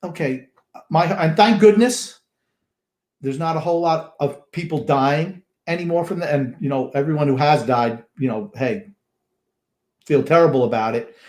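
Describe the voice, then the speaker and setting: A man's voice: on the high side, moderate pace, darkish tone, roomy sound. An older man co-hosting a sports talk show, blunt and grumpy with dismissive opinions. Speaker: co-host.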